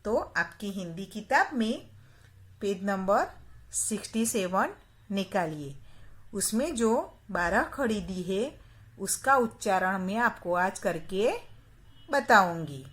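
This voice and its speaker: A woman's voice: mid-range voice, animated, takes it slowly, a bit bright. A woman schoolteacher from Gujarat, patiently teaching young children and chanting syllables one by one. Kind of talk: slow Hindi lesson for young children.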